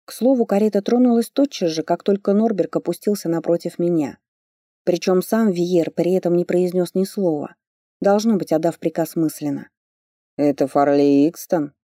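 Woman narrator for first-person fantasy audiobook; lively delivery, warm dark timbre. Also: fairly low pitch, normal speed, dry recording, clean studio sound.

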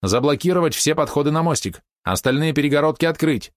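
A man's voice: mid-range voice, expressive, fairly quick, no room sound, clean studio sound, voice pushed up, lightly acted. A man voicing a tense young woman captain who barks curt orders in a storybook reading. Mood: commanding.

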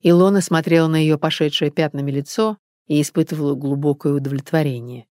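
A woman narrating an audiobook in an even storytelling manner. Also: sits low, fast talker, no echo, studio quality. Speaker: audiobook reader. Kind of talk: scripted narration.

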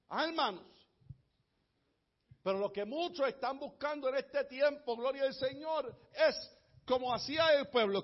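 High-voiced preacher, dull livestream sound. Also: male voice, breathy edge. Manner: builds from low murmur to impassioned shouting. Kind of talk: sermon. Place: church. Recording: dull lo-fi church livestream audio.

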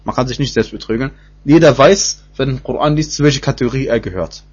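Male religious teacher, husky voice, halting explanatory delivery full of restarts, dull lo-fi recording. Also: mid-range voice. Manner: repeats himself, many fillers and restarts. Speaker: Quran teacher. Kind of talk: spoken Quran commentary lesson.

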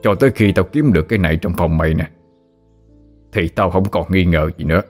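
A gruff old country father in his late fifties with a Southern Vietnamese accent, deep-voiced and forever scolding and teasing his son, as a male storyteller puts him on. Faint music plays behind. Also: brisk.

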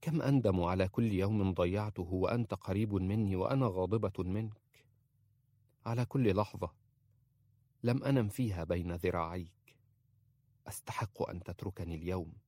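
A man voicing a passionate, remorseful young princess who speaks softly and pleads. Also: low voice, fairly even intonation, moderate pace, long pauses, no echo, clean studio sound. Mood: pleading. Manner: pleading, soft-spoken.

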